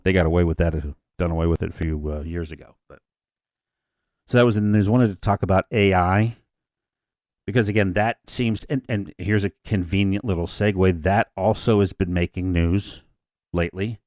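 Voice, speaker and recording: A man's voice: deep voice, steady tone, normal speed, a little mellow, no echo, studio quality. A man in his fifties co-hosting a casual discussion podcast, rambling a little and often restarting his sentences. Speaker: podcast co-host.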